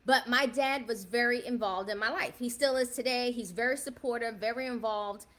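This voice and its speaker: A woman in her fifties from the South Bronx, New York, hosts a relaxed livestream and chats straight to her viewers, often checking in with "right?" Her voice is fairly high and a bit bright, at a moderate pace.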